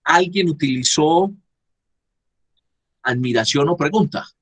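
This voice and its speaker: A man's voice: a little high, slow pace, breathy edge. A man teaching a class over a video call, explaining grammar step by step and often checking "¿sí?" with his students. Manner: repeats and asks "¿sí?" to check understanding.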